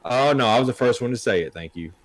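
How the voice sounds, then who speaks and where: A man's voice: medium pitch, animated, fast. A man co-hosting a sports podcast in a jokey, casual way. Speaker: podcast co-host.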